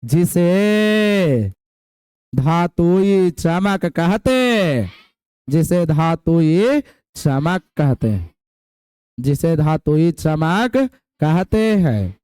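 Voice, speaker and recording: A man's voice: a little high, expressive, very slow, darkish tone, clean tone, no echo. A young man teaching a class, repeating each definition and quizzing his students with folksy asides. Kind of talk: classroom lecture.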